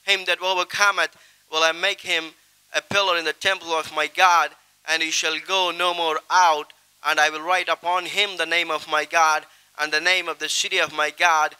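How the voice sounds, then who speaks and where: A man's voice: on the high side, bright, forceful tone, clean tone, poor audio. A middle-aged man, an evangelist, seated on a stage reciting a long Bible passage from memory into a handheld microphone in a solemn, declamatory way with emphatic rises.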